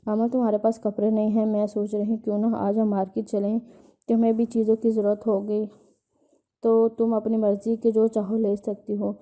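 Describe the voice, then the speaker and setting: A woman reading the lines of a caring middle-aged mother figure who gently scolds and reassures, in a storybook reading. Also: mid-range voice, completely flat delivery, natural voice. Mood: tender.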